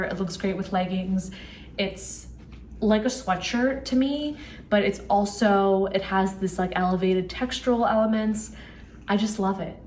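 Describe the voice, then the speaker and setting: A woman vlogging about her knitting in a chatty way, full of ums and likes, a little hoarse as she is losing her voice. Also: mid-range voice, slight background noise. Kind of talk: casual chat to camera.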